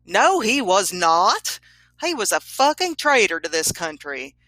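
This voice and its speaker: A preachy male Confederate ghost, as a woman reads him, lecturing slowly and deliberately. The voice is bright and forceful, recorded dry and close with no room sound. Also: mid-range voice, sing-song, dry recording, soft background music, pitched above the performer's own voice, full character voice.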